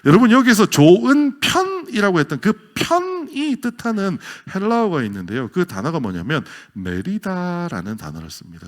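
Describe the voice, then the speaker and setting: A man preaching a sermon as a pastor, with a Gyeongsang accent, swinging from loud exclamations to near whispers. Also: sits high. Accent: Gyeongsang Korean.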